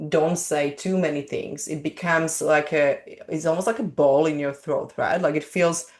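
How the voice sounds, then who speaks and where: A woman's voice: low-pitched, fairly even intonation, moderate pace. A woman who immigrated to Australia and is not a native English speaker, hosting a podcast interview in an earnest way, often restarting and searching for words. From immigrant living in Australia. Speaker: podcast host. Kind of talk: casual interview chat.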